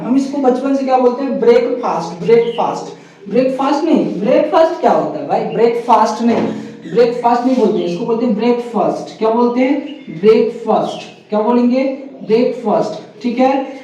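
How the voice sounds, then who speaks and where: A man's voice: very high-pitched, dark tone, far from the mic. Echoey man teaching English pronunciation. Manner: repetitive, quizzing with rhetorical questions. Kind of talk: casual teaching.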